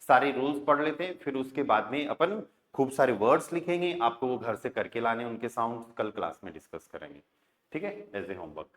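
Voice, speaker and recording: A Hindi-speaking man teaching German pronunciation rules in a classroom lesson, spelling words letter by letter, sounding them out slowly and often asking "right?" and "okay?". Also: mid-range voice, lively intonation.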